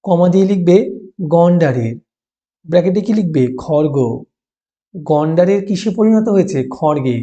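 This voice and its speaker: Very dark-toned male teacher dictating answers. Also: fairly high pitch. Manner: dictating slowly in short pieces, repeating phrases and punctuation; instructive, prompts with questions then answers them. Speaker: teacher explaining class 5 textbook answers. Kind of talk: school lesson, dictating answers to write down. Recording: dull, muffled lo-fi recording.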